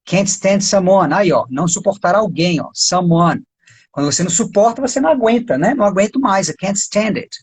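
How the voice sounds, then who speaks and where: A man with a Brazilian Portuguese accent, an English teacher giving a casual live-stream lesson, chatty and full of quick tag questions. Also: high-pitched, animated, breathy edge. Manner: chatty, peppers talk with tag questions and pointers.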